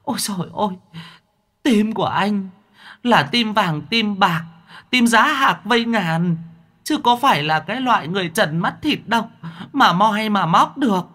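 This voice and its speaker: A man voicing a cowardly, talkative male demon who whines and rambles in a high, wheedling voice. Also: animated, a little slow, sharp tone, heavily acted. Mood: pleading. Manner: whining, rambling, pleading. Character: cowardly chatty male demon, whiny pleader.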